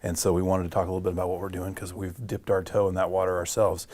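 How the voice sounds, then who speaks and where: This podcast host, a middle-aged department director, has a low, darkish voice and talks rapid-fire in a completely flat delivery. Even so, his chat is upbeat and encouraging, peppered with frequent affirming fillers.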